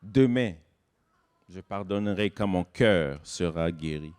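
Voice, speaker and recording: In this sermon, a smooth-voiced guest pastor alternates booming emphasis with quiet, low asides. Key words get extra weight as he slows his delivery on them.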